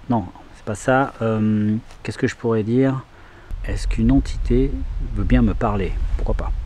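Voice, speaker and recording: A man doing a casual paranormal vlog outdoors in a forest at night, talking hesitantly with frequent filler pauses. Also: medium pitch, warm tone, slight background noise. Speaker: paranormal investigator vlogger.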